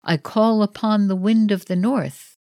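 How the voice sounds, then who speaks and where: A woman voicing the Green Man of Spring, a solemn heroic champion, declaiming slowly in a read-aloud ritual play. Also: mid-range voice, steady tone, darkish tone, dry recording, clean studio sound, natural voice.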